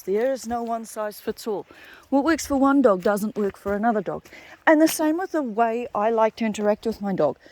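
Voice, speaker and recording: A woman's voice: mid-range voice, darkish tone. A woman dog trainer with a New Zealand accent, chatting and explaining as she walks outdoors through native bush. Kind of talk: casual walking vlog.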